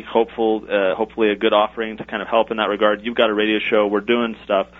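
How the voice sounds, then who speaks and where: A man speaking as an author and regular radio guest, articulate and lecturing. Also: on the low side. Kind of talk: political talk radio discussion. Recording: thin phone-like radio audio.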